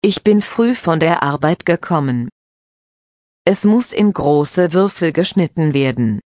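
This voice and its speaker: A woman voicing a patient mother who calmly explains cooking steps to her children. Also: sits low, a little slow, no room sound, studio quality. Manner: calm, instructive.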